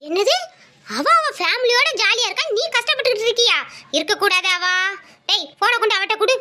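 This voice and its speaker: A woman putting on a shrill, scolding mother-in-law. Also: brisk, bright, forceful tone. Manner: scolding, domineering. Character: harsh scolding middle-aged mother-in-law. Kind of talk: family drama skit.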